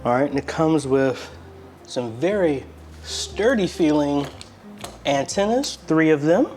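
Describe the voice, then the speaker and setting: The same American man, a video host involved in church media ministry, reviews an unboxing in an indoor apartment room, musing aloud conversationally. His pitch is fairly high and his tone darkish, with lively intonation at a slow pace, and soft music runs in the background.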